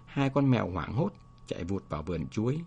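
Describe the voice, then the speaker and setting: A man narrating a story aloud in a measured, expressive way. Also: lowish voice, vocal fry, slightly rough, lo-fi sound.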